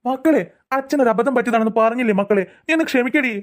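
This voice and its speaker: Woman voicing a pleading cartoon father, rather high voice, talks fast. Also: natural voice. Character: soft pleading father, flustered and apologetic. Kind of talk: cartoon voice acting.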